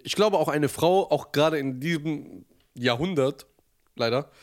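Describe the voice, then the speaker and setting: A man's voice: a little high, measured pace. A young man from Germany co-hosting a podcast in casual chat, rambling and hesitant, laughing in between. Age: young adult. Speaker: podcast co-host.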